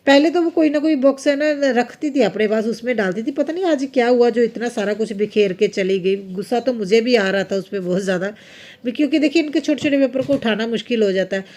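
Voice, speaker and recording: A woman's voice: fairly high pitch, fast talker, darkish tone. A woman in her thirties with a Punjabi-influenced accent, chatting through her home routine in a rambling, homely vlog voice-over. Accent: Punjabi-influenced Hindi. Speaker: homemaker vlogger. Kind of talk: casual voice-over vlog narration.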